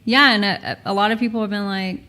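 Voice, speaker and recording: A woman's voice: medium pitch, steady tone, brisk, pushed and bright. A woman in her mid-thirties talking candidly as a podcast guest, laughing often and swearing casually. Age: 30s. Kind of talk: casual chat.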